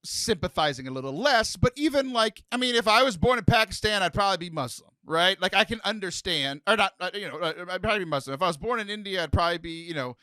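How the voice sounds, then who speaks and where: A man's voice: high-pitched, expressive, fast talker, few pauses, pushed and bright, no echo, clean studio sound. A young man hosting a casual podcast chat, joking and talking with lots of fillers and restarts. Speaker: podcast host.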